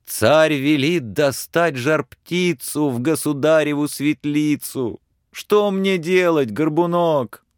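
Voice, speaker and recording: A man's voice: fairly high pitch, slow, smooth, no echo, studio quality, voice pushed up. A man voicing a frightened, pleading young peasant lad in a storybook reading. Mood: despairing. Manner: pleading, wailing.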